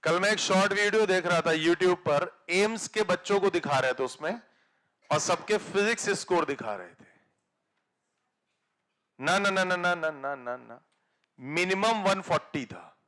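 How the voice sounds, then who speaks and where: A man teaching physics to exam students in Hindi, with a north Indian accent, giving a blunt motivational talk that moves between soft asides and loud urging. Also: fairly high pitch. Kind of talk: motivational classroom lecture.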